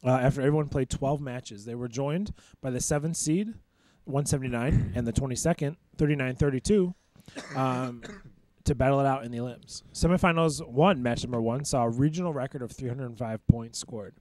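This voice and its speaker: A young man co-hosting a podcast, reading results with fillers and quick reactions. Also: mid-range voice, a little mellow. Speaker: co-host. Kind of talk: podcast rankings recap.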